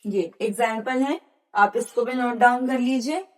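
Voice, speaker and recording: A woman's voice: on the high side, a little slow. A woman teaching a grammar lesson, explaining patiently and spelling out examples one by one.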